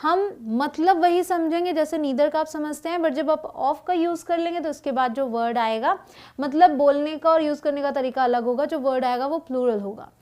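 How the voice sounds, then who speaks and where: High-pitched woman, grammar teacher; slow deliberate example sentences, quick check-in asides. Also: dark tone. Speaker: English teacher. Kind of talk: spoken grammar lesson.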